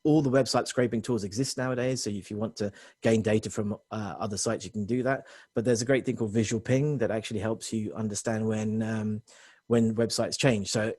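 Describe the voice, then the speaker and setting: A man working as a technology consultant, giving a quick webinar presentation to business owners with frequent restarts and self-corrections. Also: lowish voice, fairly even intonation, darkish tone, no echo, clean studio sound.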